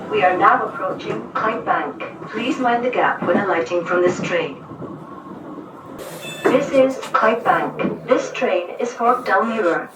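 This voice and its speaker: A woman's recorded voice plays over a train's intercom, heard from down the carriage in an echoey space. She delivers even, formal station announcements at a middle pitch. Clear train noise runs underneath. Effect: played over the train's intercom. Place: inside a moving train carriage. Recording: echoey onboard speaker heard from a distance.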